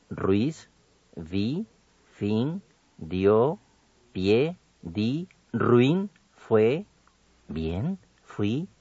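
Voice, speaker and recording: A man co-hosting an educational radio program, reading a grammar lesson slowly and deliberately. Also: mellow, slightly rough, no echo. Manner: slow, deliberate, with wide swings in pitch. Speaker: co-host of a language program. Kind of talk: scripted educational radio narration. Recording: dull lo-fi broadcast audio.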